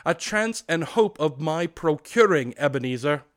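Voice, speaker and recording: A man voicing a tormented old male ghost, speaking loudly, slowly and with great solemnity. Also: fairly high pitch, expressive, pitched above the performer's own voice. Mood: thundering. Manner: loud, slow, declamatory. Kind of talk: storybook reading.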